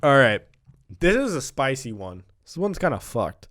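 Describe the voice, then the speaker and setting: A man's voice: mid-range voice, big pitch swings, normal speed, a bit bright. A young man hosting a podcast in casual banter, rambling in slang and leaning on "like" and "dude". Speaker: podcast host.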